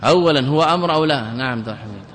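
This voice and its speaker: A man teaching classical grammar as a sheikh, drilling example words and putting quick questions to his listeners. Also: animated, fairly bright tone. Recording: long reverb with faint rumble.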